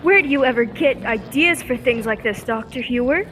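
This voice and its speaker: A woman's voice: fairly high pitch, lively intonation, normal speed, fairly bright tone, low-quality recording. A young woman playing a curious, admiring assistant to a scientist in an old-time radio serial. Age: teenager or young adult. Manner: inquisitive, eager. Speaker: student actor. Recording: faint background noise.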